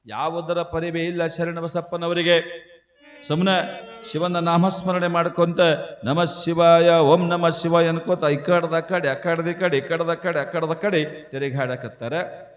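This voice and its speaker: A man tells a devotional tale, half sung and half spoken, in a high voice. He swings from loud, high pleading down to hushed low asides. His voice rings through a big hall with a long, echoing tail. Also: fairly even intonation, unhurried. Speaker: devotional storyteller. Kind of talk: sung and spoken religious storytelling. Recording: echoey hall, long reverb.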